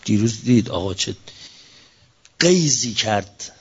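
Man, preacher, impassioned sermon, very animated pitch, slow scripture recitation, muffled lo-fi recording. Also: slightly rough. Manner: fervent, with sudden rises and drops in pitch; recites scripture verses slowly. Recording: dull lo-fi recording.

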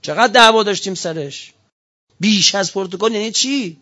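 A man with a high, bright, forceful voice delivers a political talk. His speech is impassioned, firing off one heated rhetorical question after another.

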